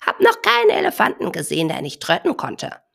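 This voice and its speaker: A woman's voice: on the low side, wildly swooping pitch, brisk, creaky, a bit bright, exaggerated voice. Woman doing a cheeky chattering oxpecker bird. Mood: teasing. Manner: teasing, chirpy, clipped speech.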